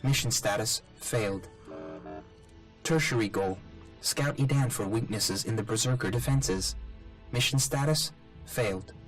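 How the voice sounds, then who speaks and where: An actor playing a damaged, malfunctioning male combat robot in a video game, speaking in clipped, flat status reports that stutter on system errors. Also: on the low side, a little slow, faint music behind, close to an everyday voice, poor audio. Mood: reporting. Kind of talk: video game character dialogue.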